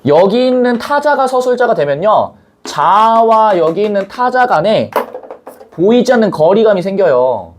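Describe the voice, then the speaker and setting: A man's voice: high voice, a little hiss or hum. A man teaching a Korean language class in a casual, chatty way, talking to students in the room. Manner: animated, chatty, acts out scenes, blunt slang.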